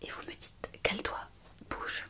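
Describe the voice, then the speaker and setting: In an ASMR roleplay, a woman plays a kind, eager, chatty young female hospital intern on her first night shift. She whispers softly and breathily at a measured pace, attentive, hesitant and gently reassuring, with a soothing mood.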